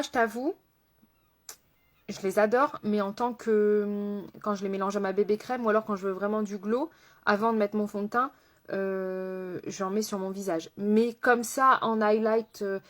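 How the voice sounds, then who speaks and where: A woman makeup artist chatting casually on a live stream, laughing often and answering viewers by name as she works. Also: mid-range voice. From France.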